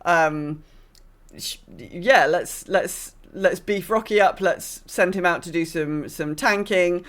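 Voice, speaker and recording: This podcast co-host is a woman with a fairly low voice who talks at a slow pace. Chatting casually about games, she voices strong opinions, thinks out loud, and frequently repeats words to stress them.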